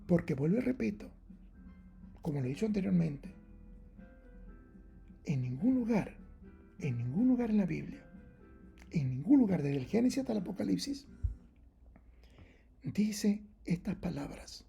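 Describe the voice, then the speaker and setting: A man's voice: sits high, big pitch swings, a little slow, creaky, long pauses, warm tone, soft background music. A man preaching a Bible-teaching sermon, emphatic and argumentative, repeating his key points again and again. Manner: argumentative, challenges rival readings.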